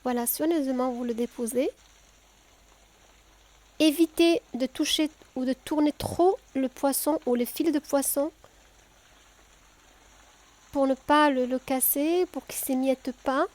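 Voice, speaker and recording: A woman with a southern French accent, calmly explaining a cooking tutorial step by step, with frequent hesitations. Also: high voice, measured pace, long pauses. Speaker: home cook.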